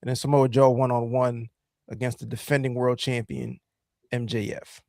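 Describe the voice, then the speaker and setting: A man's voice: mid-range voice, flat delivery, moderate pace, gravelly, dark tone, no room sound. Rambling male podcast host, dry sound. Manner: rambling, heavy on fillers. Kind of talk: casual chat.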